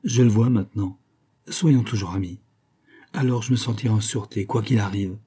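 A man reading the lines of a weary, resigned young woman in an audiobook, softly and without changing his own voice much. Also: fairly low pitch, normal speed, husky. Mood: gentle.

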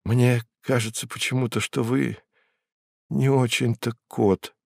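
A man voicing a weary, gentle male writer who speaks softly and hesitantly. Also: medium pitch, fairly even intonation, unhurried, vocal fry, no room sound, clean studio sound. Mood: hushed. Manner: soft, hushed, hesitant.

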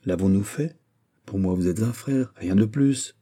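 A man reading aloud and voicing a coquettish princess who speaks softly and teasingly. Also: on the low side, measured pace. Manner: soft, sly and calm.

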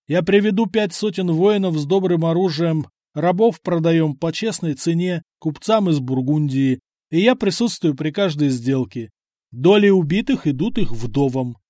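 Brash young warlord, calm and blunt, voiced by a male narrator. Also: a little high, moderate pace, no room sound, clean studio sound, natural voice.

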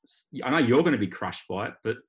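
A man's voice: medium pitch, animated, fast talker. An Australian man hosting a casual sports podcast, talking in a wry, rambling way. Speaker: podcast host. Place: remote video call.

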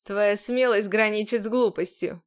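A woman's voice: medium pitch, flat delivery, moderate pace, smooth, natural voice. Woman voicing a stern, scornful male commander. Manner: harsh, commanding, scolding.

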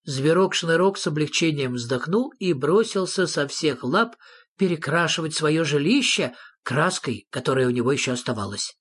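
A narrator reading a children's story aloud with expressive storytelling. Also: mid-range voice, normal speed, husky.

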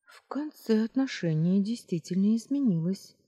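A woman voicing a calm reasoning male dragon. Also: medium pitch, breathy edge, voice pushed up. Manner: measured, explaining calmly. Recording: roomy reverb.

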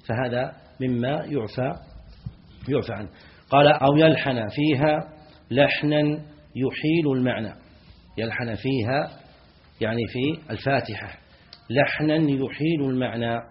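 A man teaching a classroom lesson on a classical text, with a voice of middling pitch. He reads a passage slowly, then explains it, often asking the students short questions and repeating key words. The recording sounds dull and lo-fi. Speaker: Islamic scholar teaching a jurisprudence text.

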